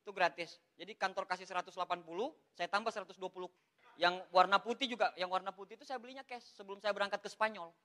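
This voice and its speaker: Man, motivational speaker, bright tone, animated, joking. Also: sits high, fast. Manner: animated, joking, addresses listeners as "Pak". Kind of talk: motivational talk to an audience.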